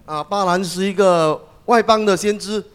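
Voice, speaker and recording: High-voiced male sermon interpreter. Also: moderate pace, clear, resonant tone. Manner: phrase-by-phrase delivery with hesitations.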